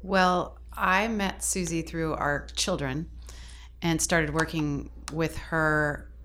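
A woman with a very low voice speaks as a volunteer mentor in an interview. She talks in a measured, thoughtful way, and there is a faint noise in the background. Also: fairly even intonation, a bit bright. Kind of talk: casual interview talk.

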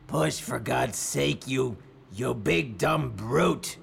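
An irritable, bossy villain for a children's audio story. The voice is extremely gravelly and slow, with sneering, widely swinging intonation. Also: male voice, fairly high pitch, big pitch swings, fairly bright tone, pitched above the performer's own voice, full character voice. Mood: scornful, impatient. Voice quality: heavily creaky, gravelly.

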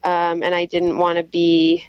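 A young woman guest musician answering interview questions over the phone, talking quickly and casually with lots of "like" fillers. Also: on the low side, completely flat delivery, clear, resonant tone, no room sound. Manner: chatty, quick, full of "like" fillers. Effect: heard over the phone. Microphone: telephone. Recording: muffled dry phone line.

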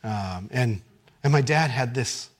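A male pastor preaching a sermon, telling stories with animated swings from excited shouts down to hushed, quiet lines. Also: medium pitch, slow pace.

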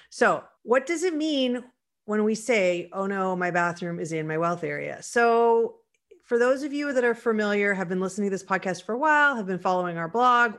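A woman co-hosting a podcast in a casual, animated way, sometimes mimicking panicked listeners and dropping into quiet asides. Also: on the low side. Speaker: podcast co-host.

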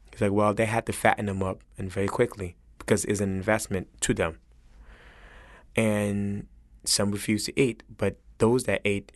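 Interviewed as a guest, a chef from Senegal speaks with a West African accent, earnest and reflective, pausing haltingly as he searches for words. His pitch is fairly low, and the studio-quality recording is dry.

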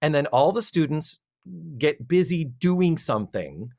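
Lively, rambling podcast co-host. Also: mid-range voice, measured pace. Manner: animated, rambling storyteller who acts out quotes. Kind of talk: casual chat recapping a TV episode.

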